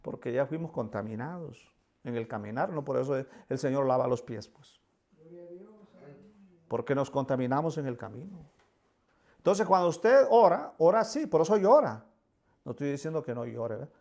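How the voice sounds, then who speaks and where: A man's voice: medium pitch, animated, normal speed, pauses often, darkish tone. A man preaching a sermon with fervor, voicing pleading prayers and often repeating words.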